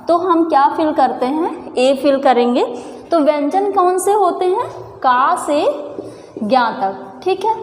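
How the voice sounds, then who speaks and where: A woman with a high voice explains a grammar lesson step by step. She patiently puts questions to the viewer and answers them herself. The sound is echoey, with a long reverb tail. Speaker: teacher.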